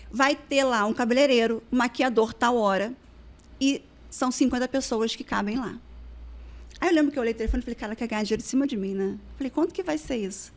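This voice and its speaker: A woman, a weight-loss therapist telling stories as a podcast guest and acting out past conversations. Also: on the high side. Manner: animated, acts out dialogue from her past. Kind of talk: casual storytelling in a podcast interview.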